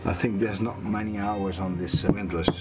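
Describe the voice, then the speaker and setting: Over loud music, a man in his fifties with a lowish voice casually narrates a motor repair at a small workshop bench aboard a boat. The sailing vlogger fixing boat gear talks slowly and relaxed, thinking aloud as he works with his hands in a casual how-to.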